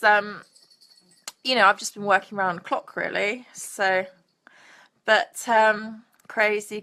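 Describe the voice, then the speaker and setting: A woman's voice: mid-range voice, bright, forceful tone. A young British woman hosting a casual live stream, bubbly and crude in her jokes, greeting viewers by name. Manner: bubbly, crude jokey asides. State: out of breath.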